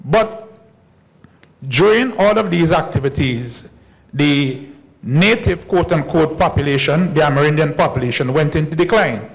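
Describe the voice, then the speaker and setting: A man, a historian giving a measured conference lecture and repeating key points slowly for emphasis. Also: fairly high pitch, poor audio. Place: conference hall.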